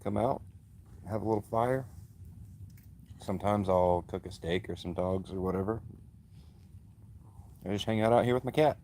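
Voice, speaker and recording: A man with a monotone voice, hosting a casual live stream from his phone by a backyard fire and answering chat with easygoing fillers. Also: on the low side, moderate pace, long pauses, a little hiss or hum. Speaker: livestream host. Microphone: phone, streaming from mobile.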